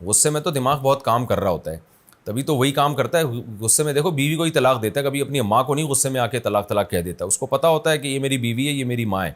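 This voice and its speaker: A man speaks at a medium pitch with lively intonation. He is an Islamic scholar answering a viewer's question in a religious lecture that is conversational yet emphatic, using everyday examples to explain. He is in his office city.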